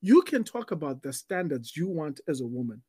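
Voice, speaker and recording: A man's voice: fairly high pitch, big pitch swings, normal speed, mellow, husky, no echo. A man co-hosting a casual podcast, explaining dating advice with business analogies, often restarting words.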